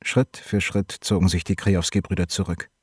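A man narrating a novel in an audiobook reading, with steady, measured storytelling and a husky voice. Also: deep voice, dry recording, studio quality.

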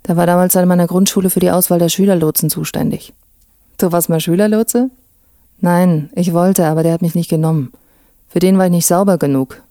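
A woman's voice: lowish voice, steady tone, brisk, mellow, dry recording, studio quality, lightly acted. A woman doing a blunt young cop. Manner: blunt, grumbling.

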